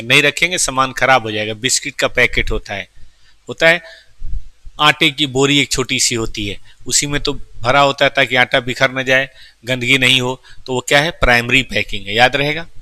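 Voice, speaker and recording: A man teaches a lecture class in a very bright, keen voice, explaining each term step by step. He keeps asking his students questions and talks to them fondly. The sound is dry and close, with no room echo. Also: mid-range voice. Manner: affectionate, calls students "beta".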